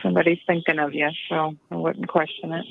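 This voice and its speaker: A woman talking gently and soothingly to an inmate over a prison phone line. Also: low-pitched, level tone, fast talker, gravelly. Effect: heard over a prison phone line. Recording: tinny phone line with faint hiss.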